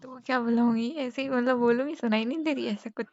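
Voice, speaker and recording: A woman on a casual romantic phone call, shy and hesitant, speaking softly. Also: a little high, fast, no echo. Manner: shy, hesitant, soft-spoken. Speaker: girlfriend on a call. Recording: dry, muffled phone call recording.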